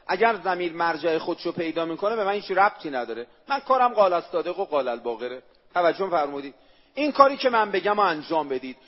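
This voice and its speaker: A man preaching a sermon, emphatic and repetitive, asking the listeners rhetorical questions and reciting Arabic phrases. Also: high-pitched. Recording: echoey hall, dull lo-fi sound.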